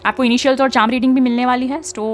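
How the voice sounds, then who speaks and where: A woman's voice: high-pitched, fairly even intonation, racing, a little hiss or hum. A young woman, giving chatty spiritual guidance as a tarot reader and often checking in with her listeners. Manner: chatty, mixes English into talk, frequent tag questions.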